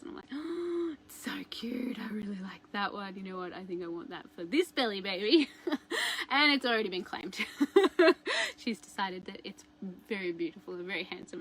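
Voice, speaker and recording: A woman's voice: medium pitch, fairly bright tone, slight background noise. A woman, chatting casually as a self-help host and laughing often.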